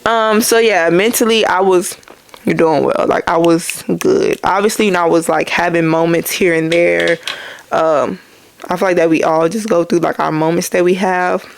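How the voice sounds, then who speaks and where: A woman's voice: lowish voice, steady tone, moderate pace, creaky, a little hiss or hum. A young woman hosting her own podcast, chatting casually about faith and addressing listeners as y'all. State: out of breath. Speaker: podcast host.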